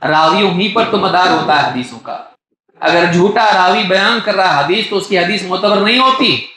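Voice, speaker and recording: High, bright-voiced male scholar lecturing. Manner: reads Arabic texts, then explains them at length; repeats key phrases for emphasis. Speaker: Islamic scholar giving a lecture. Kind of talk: religious lecture. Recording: very echoey room.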